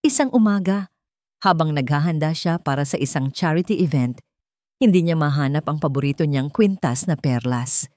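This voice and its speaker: With clean studio sound and no echo, a woman with a Filipino accent gives a dramatic reading of a scripted story. Her low voice is a little mellow, moving at normal speed.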